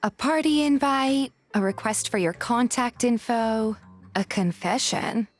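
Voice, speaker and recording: A woman with a slightly high, expressive voice takes her time as she reads scripted first-person narration like an audio drama. She is a voice actor narrating and playing a fan dub's heroine, with music in the background.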